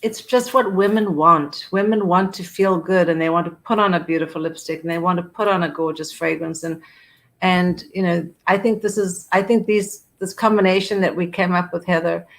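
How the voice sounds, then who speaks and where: A woman's voice: on the low side, fairly even intonation, normal speed, poor audio. A woman perfumer chatting at an online event, effusive and full of restarts as she describes fragrances. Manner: effusive, piles on words like beautiful and gorgeous; frequent restarts and repetitions. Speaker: perfumer and fragrance brand founder. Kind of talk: casual online event chat.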